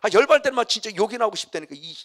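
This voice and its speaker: A man's voice: high-pitched, expressive, very fast, a bit bright. A middle-aged man preaching a sermon as a pastor, vividly acting out scenes and reading scripture aloud.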